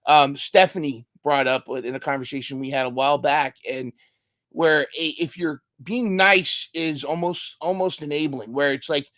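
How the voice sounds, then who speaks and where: A man's voice: on the high side, steady tone, normal speed, a bit bright, no room sound, clean studio sound. A man hosting a casual podcast interview, thinking aloud and often repeating and restarting his words. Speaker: podcast host.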